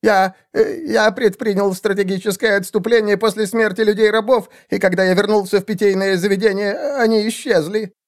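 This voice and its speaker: A cringing rat-man assassin who whines and stammers before his master. His voice climbs very high above the narrator's own, thin and pleading. He sounds like a coward caught out in a fantasy audiobook. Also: very animated, moderate pace. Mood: begging. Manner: whining, stammering, grovelling.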